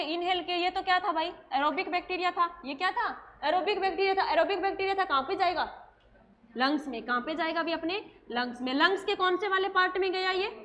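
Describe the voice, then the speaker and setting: High-voiced woman teacher drilling a class. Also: sharp tone, muffled recording. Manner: repeats questions and answers them herself, drilling students. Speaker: nursing coaching teacher. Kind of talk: classroom lecture.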